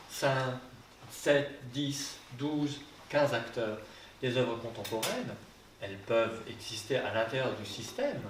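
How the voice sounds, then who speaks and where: A mid-range male voice speaks on a theatre panel, hesitating with many fillers and restarts. He's a translator, recorded by a distant, roomy mic in a theatre hall with slight background noise.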